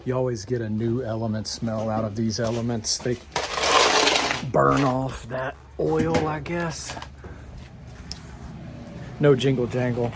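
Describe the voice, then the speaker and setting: A man's voice: mid-range voice, fairly even intonation, slow pace, pauses often. A man narrating his appliance repair vlog in a jokey, playful way, chatting to himself as he works. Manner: jokey, playful, talks to himself while working. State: out of breath. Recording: noisy workshop recording.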